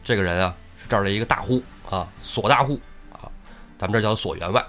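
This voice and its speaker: A man's voice: fairly low pitch, fast, faint music behind. A man hosting a podcast, telling an old tale casually and chattily, often checking for agreement. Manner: animated, chatty, asks listener for agreement. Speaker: podcast storyteller host. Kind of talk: casual storytelling.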